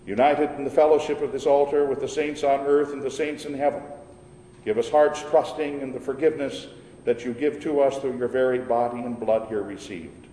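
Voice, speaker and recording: A pastor leading a church service, praying and chanting the liturgy in a solemn, measured way, his voice echoing through a large church. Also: mid-range voice, steady tone, dark tone, slight background noise. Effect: cathedral-like echo from a large church. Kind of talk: liturgical prayer and chanted responses. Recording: roomy church hall with long reverb, faint organ.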